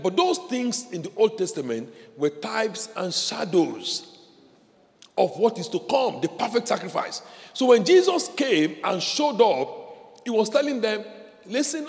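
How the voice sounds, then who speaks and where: High-voiced man preaching in a hall. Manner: impassioned preaching, repeats phrases, call-and-response with congregation. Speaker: pastor. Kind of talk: sermon. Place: church hall. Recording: reverberant hall with faint background noise.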